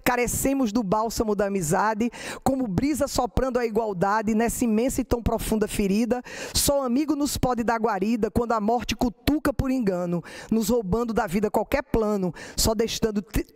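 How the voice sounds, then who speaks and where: A middle-aged woman with a Brazilian Portuguese accent, a lecturer and poet who explains verse forms and recites her own poems slowly. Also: fairly high pitch, darkish tone.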